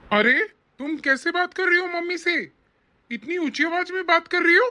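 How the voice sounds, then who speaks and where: A voice actor playing an indignant young husband and son in an animated family story. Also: very high voice, moderate pace, full character voice. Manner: stern, indignant.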